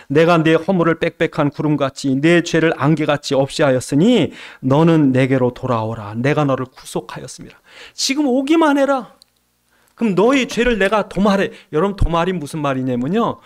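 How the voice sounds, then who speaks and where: A middle-aged male pastor delivers a sermon with emphatic force, his voice sitting a little high for a man. He reads scripture aloud and keeps checking in with the congregation through rhetorical questions. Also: creaky.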